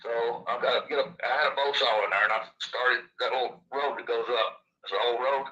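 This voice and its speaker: A man's voice: medium pitch, fairly even intonation, fairly quick, sharp tone, dull audio. A man with a lisp from missing upper teeth, telling his story in a casual, rambling way. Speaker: interviewee recounting his own experience.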